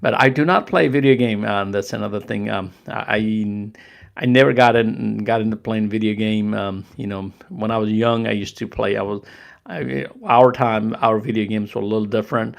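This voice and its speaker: An older man from Nepal with a Nepali accent, hosting a casual live stream, who talks in halting phrases full of restarts and fillers. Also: lowish voice, steady tone, vocal fry.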